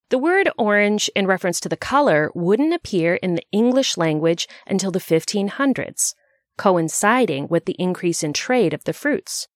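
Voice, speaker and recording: A woman's voice: medium pitch, dry recording, studio quality. A woman narrating a scripted explainer in a bookish, conversational way, with wry asides.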